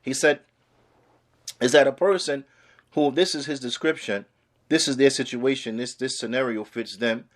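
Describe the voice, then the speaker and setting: Guy giving an islamic lesson, preacher style, medium pitch, repeats his phrases for emphasis, mixes in arabic. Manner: switches between English and quickly read Arabic. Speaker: religious teacher giving a class.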